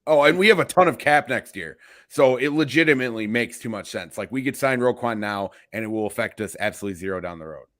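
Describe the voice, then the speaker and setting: A man's voice: medium pitch, expressive, fast, fairly bright tone, no echo, studio quality. A young man co-hosting a sports podcast, talking casually in an emphatic, profane way. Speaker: podcast co-host.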